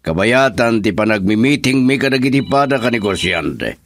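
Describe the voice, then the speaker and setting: An actor with an Ilocano Filipino accent plays a commanding, evasive businessman husband in a radio drama, sounding firm and irritated. His mid-range, slightly bright voice is expressive and moves at a normal speed.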